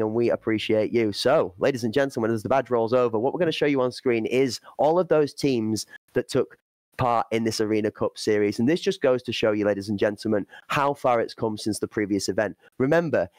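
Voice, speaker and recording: A man's voice: mid-range voice, a little mellow, no room sound. Guy casting esports, hypes up the chat, dry close sound. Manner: hype-building, addresses chat directly. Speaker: esports caster. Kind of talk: esports commentary.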